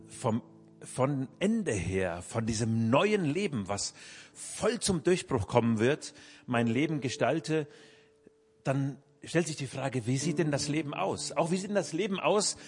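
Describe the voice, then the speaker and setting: A man preaches earnestly, pushing his voice up on the phrases he stresses. His voice sits somewhat high for a man. A long reverb trails his words, with soft music faintly underneath. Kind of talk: sermon.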